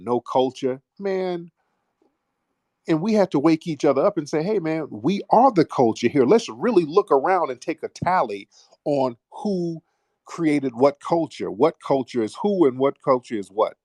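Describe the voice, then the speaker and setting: A man's voice: mid-range voice, a little mellow, no room sound, studio quality. An American man hosting a live audio chat room, delivering an emphatic, streetwise, preaching-style monologue. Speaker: host.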